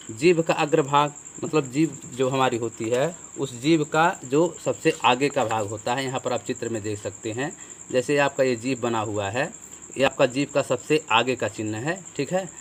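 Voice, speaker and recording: A man teaching Hindi grammar as a classroom lesson, explaining step by step, asking questions and answering them himself. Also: medium pitch. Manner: explanatory, repeats with "ठीक है" and rhetorical questions.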